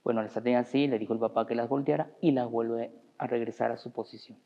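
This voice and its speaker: A priest preaches through stories and calls his listeners brothers. His voice is gravelly. The recording is dull, with a long church reverb. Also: mid-range voice, steady tone, fast talker. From Mexico. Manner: storytelling, addresses the congregation as brothers. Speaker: parish priest. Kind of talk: sermon.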